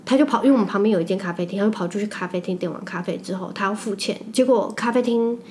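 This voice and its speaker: A woman's voice: medium pitch, slight background noise. A young woman with a Taiwanese Mandarin accent, chatting on a podcast and telling stories animatedly and emphatically. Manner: animated storytelling, quick and emphatic. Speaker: podcast co-host. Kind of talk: casual chat.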